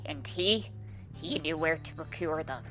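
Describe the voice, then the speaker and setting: A woman voicing an old serpentine bog crone from a game, solemn and deliberate, in archaic formal speech. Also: deep voice, pushed and bright, faint music behind, voice pushed down. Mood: brooding.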